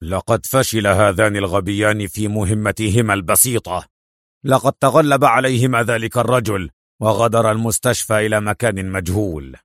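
Man playing a low, sneering villain boss; dry audio. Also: moderate pace, fairly bright tone, no echo, close to an everyday voice. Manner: bitter and mocking.

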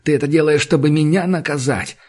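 A man voicing a desperate, furious young man who shouts and turns bitterly sarcastic. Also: on the high side, brisk, breathy edge, pitched above the performer's own voice.

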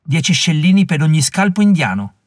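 A man's voice: fairly high pitch, very animated, fairly quick, dry recording, studio quality, pitched above the performer's own voice. A man reading an audiobook voices a fierce young Mohawk woman who scolds warriors scornfully and commandingly. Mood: fierce scorn.

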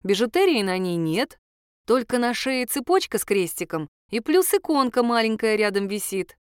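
A woman's voice: on the high side, big pitch swings, normal speed, clean tone, no room sound, studio quality. A woman narrating a story in the first person as an audiobook, in a wry, conversational manner.

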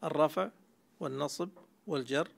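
A man's voice: a little high, brisk, vocal fry. A man teaching Arabic grammar in a classroom lecture, explaining step by step and quizzing his students.

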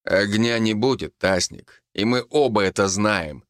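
A man voicing a steady male forester who speaks calmly and tersely. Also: lowish voice, unhurried, no echo, studio quality, close to an everyday voice. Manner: calm, terse.

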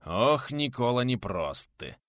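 Man doing a gruff loud young warrior. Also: mid-range voice, sing-song, moderate pace, no room sound, clean studio sound, pitched above the performer's own voice. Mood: rueful. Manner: loud barking retorts. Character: brash bearded young male warrior, gruff.

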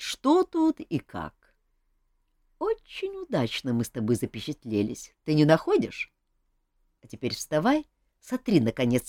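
A blunt, commanding king in an audiobook, grumbling and gruff, played by a woman reading the story. The voice is fairly low, with big rises and falls, and it sounds dry and close. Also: mellow, no echo, exaggerated voice. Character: gruff, bossy, amused male king.

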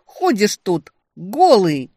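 A fiery young demoness, indignant and quick to snap back, as a woman reading an audiobook puts her on. Her voice rises high and loud with outrage. The recording is dry and close, with no room sound. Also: big pitch swings, no echo, lightly acted. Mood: shouting. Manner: indignant, shouting accusations.

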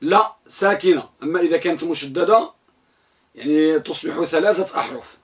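A man with a high-pitched voice leads a classroom grammar lesson. He drills his students with questions and repeats each answer back to them. Then he recites a long list one item at a time in a steady rhythm. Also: fairly quick. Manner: lists items in a steady recital. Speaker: grammar teacher.

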